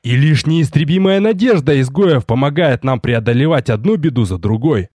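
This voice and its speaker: Man narrating an audiobook in a lively voice. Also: medium pitch, no echo, studio quality. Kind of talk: scripted first-person narration.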